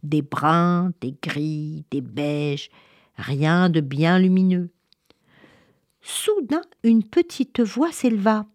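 A woman storyteller reads a children's tale with expressive, animated delivery. Her voice sits on the low side, and the recording is close and dry with no room sound. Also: drawn-out words, no echo. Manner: expressive, lively reading.

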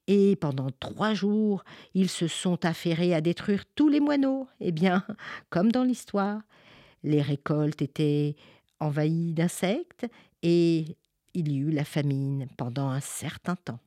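Expressive low-voiced woman storyteller. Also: slow pace, dry recording, clean studio sound. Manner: expressive, sing-song storytelling. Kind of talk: storybook narration.

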